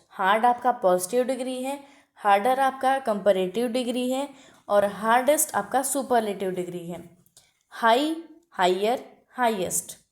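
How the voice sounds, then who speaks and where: Brief: woman teacher, fairly high voice, patient step-by-step grammar explainer. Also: darkish tone. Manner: explains step by step, asks the class questions; reads example sentences slowly and emphatically. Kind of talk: spoken grammar lesson.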